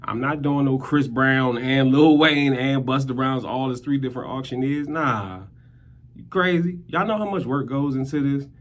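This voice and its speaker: Brief: slangy, easygoing male creator, mid-pitched voice, talking-head story. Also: normal speed, hardly any pauses. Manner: laid-back and slangy. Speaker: skit creator and rapper.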